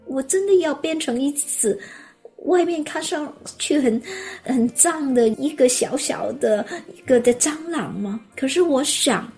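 A woman's voice: high voice, measured pace, faint music behind. Storytelling woman preacher. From Hong Kong. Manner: lively storyteller who acts out her own exclamations. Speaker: preacher sharing a testimony. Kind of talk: storytelling sermon.

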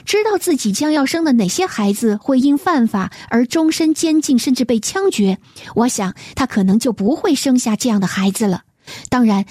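Gentle, mellow-voiced woman radio host. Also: on the high side, husky, no echo, clean studio sound. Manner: gentle, measured, reads letters aloud. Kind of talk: reading listener letters on a faith program.

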